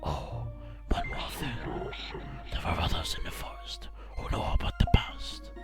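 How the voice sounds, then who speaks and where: A man voicing an ancient, wise male tree spirit in a deep, gravelly whisper, slow and solemn. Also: expressive, full character voice. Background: game music.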